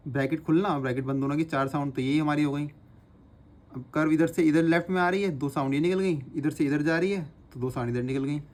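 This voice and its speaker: A man teaching a shorthand lesson, his voice a little higher than most men's. He talks patiently and repeats each sound slowly as he writes it out. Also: a little mellow. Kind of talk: instructional lesson, repeating drills aloud.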